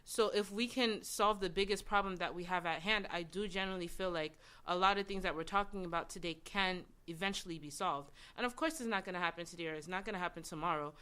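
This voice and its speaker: A woman's voice: lowish voice, fast talker, few pauses, a bit bright, smooth. A woman from Nigeria who speaks earnestly and persuasively as a guest on a panel discussion. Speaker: events and marketing manager, panel guest.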